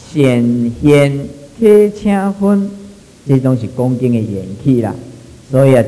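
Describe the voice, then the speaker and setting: A man with a Taiwanese accent lectures on a Buddhist sutra, stretching his phrases, peppering them with drawn-out fillers, and slipping into Hokkien. His voice is a little high with a dark tone, recorded on a microphone with poor audio and a long reverb tail.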